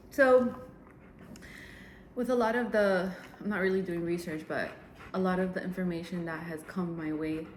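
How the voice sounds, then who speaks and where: A woman vlogging casually at home, thinking aloud in a rambling way with fillers and restarts. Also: on the low side. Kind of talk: casual talking-head vlog. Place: home with dogs nearby. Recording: echoey room with faint noise.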